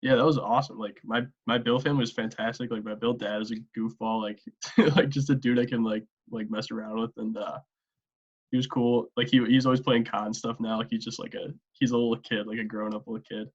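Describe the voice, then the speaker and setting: A man's voice: medium pitch, fairly even intonation, a little fast, husky. A young man chatting casually as a podcast guest, laid-back and full of fillers. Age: young adult. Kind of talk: casual chat. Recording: dull lo-fi audio.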